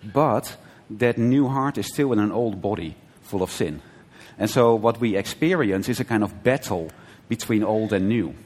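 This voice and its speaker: A man teaching a conversational sermon, often checking with his listeners with a quick "right?" and restarting his sentences. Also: lowish voice, a little mellow, husky. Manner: conversational, frequent "right?" checks and brief laughs, self-correcting restarts. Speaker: preacher. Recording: long hall reverb.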